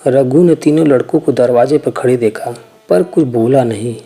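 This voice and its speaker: A man narrating a classic short story in a measured, even storytelling manner. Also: medium pitch.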